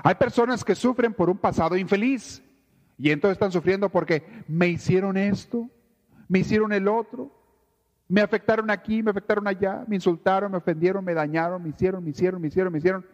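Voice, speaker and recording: A man preaching a sermon in a church, animated and often acting out people's complaints. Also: high voice, fairly quick. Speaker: priest. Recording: reverberant lo-fi church recording.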